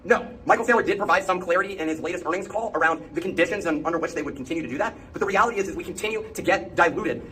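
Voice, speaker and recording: Sped-up chipmunk-pitched man ranting. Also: fairly bright tone, a little hiss or hum. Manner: indignant, emphatic. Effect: sped-up playback, high chipmunk-like pitch. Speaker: crypto influencer. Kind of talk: ranting video commentary.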